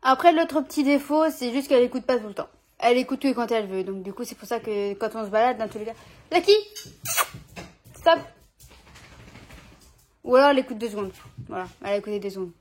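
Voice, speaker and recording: A woman's voice: a little high, racing. A young woman vlogging at home, chatting casually in an informal, slangy way with lots of fillers. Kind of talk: casual chat. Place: at home with her dog.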